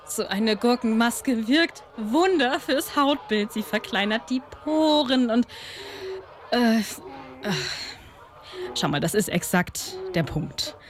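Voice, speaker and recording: A woman's voice: fairly high pitch, lively intonation, takes it slowly. A woman playing a vain, condescending goddess in a comic audio drama, airy and flippant in manner. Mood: condescending, evasive. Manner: flippant, airy, mock-innocent, hesitating over awkward words. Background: music.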